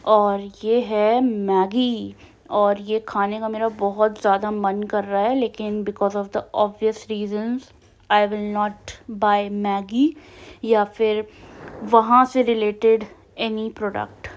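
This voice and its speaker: A woman's voice: mid-range voice, flat delivery, very slow. A young woman with a North Indian Hindi accent narrating her family vlog in a chatty way, slipping English phrases into her Hindi. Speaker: family vlogger.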